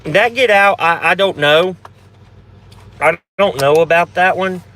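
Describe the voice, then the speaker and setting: A man's voice: high voice, a little slow, bright, forceful tone, slight background noise. A man hosting a casual live Q&A for a paranormal channel, talking in a rambling, blunt way with frequent restarts and some swearing.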